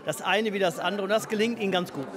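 A man giving an interview statement as a city official, speaking in a deliberate, formal way. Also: sits high. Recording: off-mic among a crowd.

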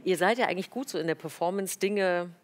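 A woman's voice: on the low side, quick pace. A woman hosting a talk show, asking questions and teasing her guests. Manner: teasing, upbeat. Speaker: host.

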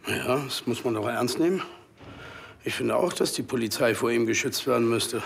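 A man's voice: mid-range voice, normal speed, vocal fry, big-room sound, slight background noise, natural voice. A man playing a police detective who questions in a probing, ironic, conversational way. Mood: wry, dismissive.

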